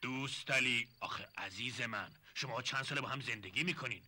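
An actor playing a sly, smooth-talking older relative who coaxes and confides in hushed tones in a 1970s TV drama. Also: male voice, mid-range voice. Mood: coaxing.

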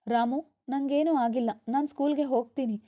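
A woman's voice: fairly high pitch, unhurried, natural voice. A woman reading a storybook aloud, voicing a stubborn, playful little girl who whines and pleads. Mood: cheeky. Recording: dull lo-fi.

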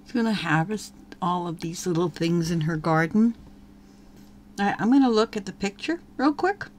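A woman's voice: on the low side, lively intonation, normal speed, darkish tone, a little hiss or hum. A woman giving casual gameplay commentary as a let's play host, chatting and talking to her game characters as she plays.

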